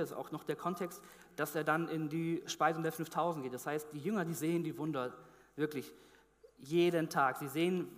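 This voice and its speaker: A man's voice: fairly high pitch, fairly bright tone, in a large hall. A man giving a sermon in a conversational way, often restarting his phrases. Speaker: preacher.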